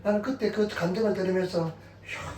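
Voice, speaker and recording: A middle-aged pastor with a voice high for a man preaches a sermon in a church sanctuary, briskly sharing personal testimony with animated energy and an occasional chuckle. The audio has church-hall echo and is picked up from a distance.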